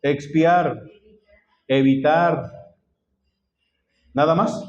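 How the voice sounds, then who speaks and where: Man preaching, a bit high voice, dull lo-fi sound, questions the congregation. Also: very slow. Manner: quizzes the congregation with repeated questions. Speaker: pastor. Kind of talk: sermon.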